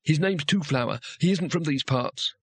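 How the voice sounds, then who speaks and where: A man voicing a cowardly wizard who makes nervous, hurried excuses in close to his own voice. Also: on the high side, slightly rough, no echo.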